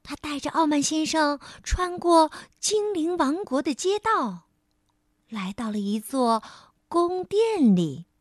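A woman telling a bedtime story to young children in a high, lively, sing-song voice. She speaks slowly and gently, turning to the child now and then, recorded close and dry. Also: dry recording. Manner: gentle, addresses the child as baby.

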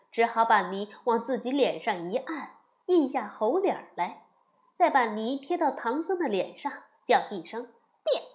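Woman narrator for a kids' story podcast; lively, unhurried, a touch high. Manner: slow, expressive storytelling.

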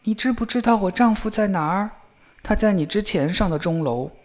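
A man putting on a shrill frantic wife. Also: fairly quick, natural voice. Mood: worried. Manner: loud and accusing.

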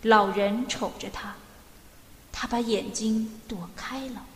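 Slow, high-voiced woman reading a story. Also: steady tone. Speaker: narrator. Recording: echoey room with long reverb.

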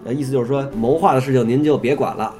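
A man's voice: mid-range voice, fast, music in the background. A man reading a classical history text aloud, stopping now and then to ask questions and add his own comments.

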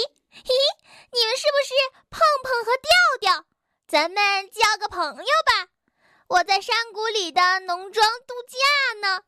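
A woman voicing Suqi, a pushy young female animal with a shrill, squeaky voice who chatters in rushed bursts. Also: sharp tone, no echo, clean studio sound, full character voice.

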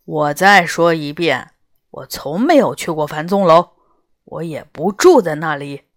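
A woman voicing a grumpy, fierce male tiger-like beast in a storybook, speaking in a gruff, curt and irritable way. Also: low-pitched, animated, measured pace, no room sound, clean studio sound, voice pushed down. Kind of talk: storybook character voice.

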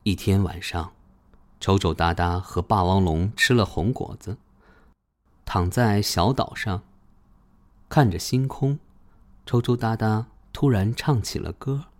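A narrator reading a children's storybook with a gentle, expressive delivery. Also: deep voice, measured pace, pauses often.

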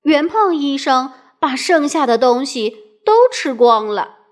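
A woman telling a children's storybook aloud, expressive and asking the listener playful questions. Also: high-pitched, unhurried.

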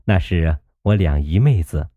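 A man voicing a young maid who is gentle but sharp-tongued, coaxing and teasing in a storybook reading. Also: sits low, lively intonation, unhurried, no room sound, narrow, tinny audio.

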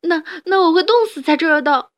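A woman's voice: animated, normal speed, a bit bright. Habus, a woman voicing a whiny crying bunny boy. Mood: wailing. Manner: high, tearful and pleading. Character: whiny young male rabbit bully, crying.

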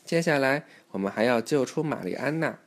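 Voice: mid-range voice, animated, fairly quick. Parent reading a children's story aloud. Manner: instructive, asks the listener questions.

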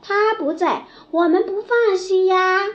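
Woman voicing a high, fretful storybook tortoise. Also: slow pace, dull audio. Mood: anxious, calling out. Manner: crying out anxiously, wordy. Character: fretful, long-necked tortoise, a pedantic old scholar type.

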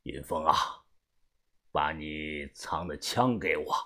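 A man voicing a calm, shrewd middle-aged gang leader in an audiobook, speaking low and half-whispered. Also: slow pace, full character voice. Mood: calm, commanding.

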